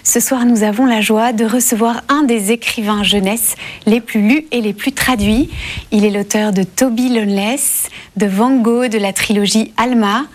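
A woman's voice: on the high side, steady tone, normal speed. A woman hosting a television interview, welcoming her guest and asking questions. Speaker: television host.

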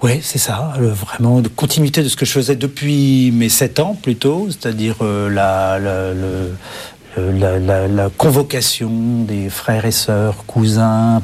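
A man from France, a guest author in a television interview, who speaks haltingly with many restarts and fillers. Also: medium pitch, darkish tone, slight background noise.

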